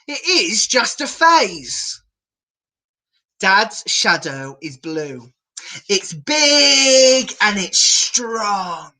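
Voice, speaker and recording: In a lowish voice, a woman reads a picture book aloud to children, storyteller-style, animated, encouraging and theatrical.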